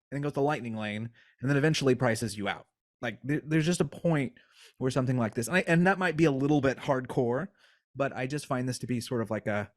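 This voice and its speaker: Male podcast host, casual and animated, middle pitch, jokey ranting delivery. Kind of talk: casual chat.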